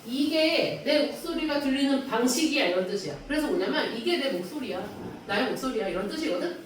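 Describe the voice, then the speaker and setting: A woman's voice: high voice, expressive, fairly quick, slight background noise. A woman English teacher giving a classroom lecture, asking her students question after question as she explains a reading passage. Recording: echoey room from a distance.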